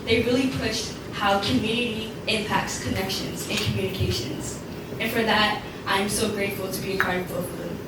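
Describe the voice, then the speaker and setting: A woman's voice: medium pitch, steady tone, normal speed. A young woman speaking as an alumni speaker at an event, earnest and laughing now and then. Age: young adult. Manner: earnest, laughs between lines. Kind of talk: speech at a networking event. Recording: echoey room from far off, loud background noise.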